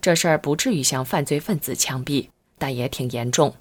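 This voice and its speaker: A woman's voice: a bass voice, fairly quick. Woman voicing a polite police officer. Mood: coaxing.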